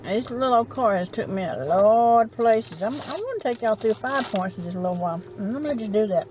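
Her fairly high voice moves fairly quickly with lively intonation as this middle-aged vlogger from South Carolina chats casually in her parked car at night. Speaking with a Southern US accent, she rambles in a folksy way while eating, recorded on a dashboard camera with background noise.

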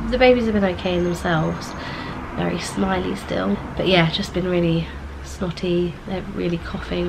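Young mum vlogging, croaky stuffy voice, chatty, some noise behind her on a handheld camera. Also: fairly low pitch. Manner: chatty, softly sing-song baby talk. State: croaky and bunged up from a cold. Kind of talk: casual vlog chat. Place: outdoors, walking along a road.

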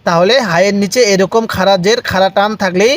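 A man teaching Quran recitation step by step, spelling out letters and vowel marks, then reciting slowly and asking viewers to repeat after him. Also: sits high, fairly even intonation. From Bangladesh. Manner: asks viewers questions, then answers them himself.

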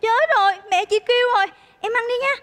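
A woman playing a gentle young woman in a TV comedy sketch, talking to her pet fish in a cooing, sing-song way. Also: very high-pitched, quick pace.

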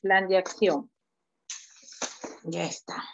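A woman's voice: fairly low pitch, steady tone, slow, creaky, slight background noise. A woman, a teacher giving direct, corrective feedback on student work over a video call. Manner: direct, corrective, gives step-by-step instructions. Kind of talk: online class feedback. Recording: dull lo-fi video call audio.

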